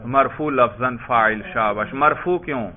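A man's voice: medium pitch, a crowd in the background. Guy teaching grammar class, keeps quizzing and asking why, sounds thin like over a phone. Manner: quizzing, presses students for reasons; calls students brother. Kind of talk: Arabic grammar lesson. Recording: tinny phone-like audio.

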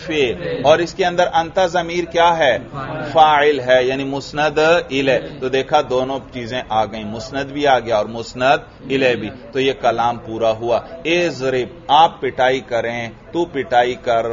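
A man's voice: medium pitch, fairly even intonation. A man teaching a grammar lesson to a class, often asking students questions and repeating their answers. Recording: dull lo-fi recording.

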